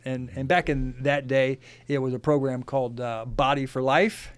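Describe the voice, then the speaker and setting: A man's voice: medium pitch, fairly even intonation, moderate pace, clean tone, dry recording. A man speaking as a podcast guest, plain-spoken and full of ums and uhs. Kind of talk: casual conversation.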